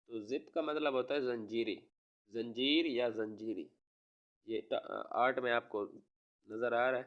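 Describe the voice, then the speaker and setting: A man from Pakistan, a teacher giving a recorded lesson to young children, slowly spelling out words and repeating them. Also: medium pitch, muffled recording. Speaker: online school teacher.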